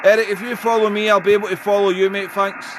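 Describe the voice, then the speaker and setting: A man with a high voice talks fast in a level tone, working as an amateur radio operator. He chats in a friendly way and calls out phonetic call signs during radio contact and casual conversation. The recording is clear, with radio noise in the background.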